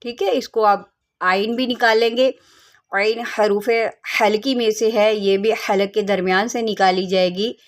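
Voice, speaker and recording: A woman teaching Quran reading who spells each letter by its vowel mark, blends the syllables and repeats them, with quick explanations between. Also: mid-range voice, fairly even intonation. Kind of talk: slow spelled-out recitation lesson.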